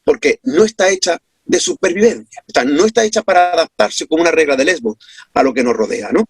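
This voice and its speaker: Lively husky man with Andalusian accent. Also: a little high, brisk, no room sound. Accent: Andalusian (Córdoba). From Córdoba, Andalusia, Spain. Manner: emphatic, rhetorical questions, lecturing. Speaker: interview guest, researcher. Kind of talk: explanatory interview talk. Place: his home.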